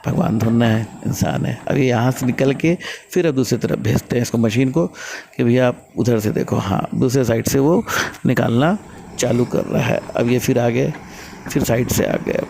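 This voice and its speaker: A man's voice: medium pitch, normal speed, gravelly, a little hiss or hum. A man casually narrating a vlog as he walks around a construction site, explaining the machine work. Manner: relaxed, explanatory, chatty. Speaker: vlogger showing construction work.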